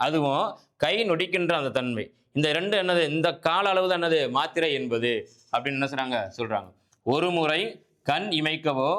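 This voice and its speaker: A man's voice: on the high side, a bit bright. A man teaching a grammar lesson, asking questions and answering them himself, repeating key points and often checking that listeners follow. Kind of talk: exam-prep grammar lesson.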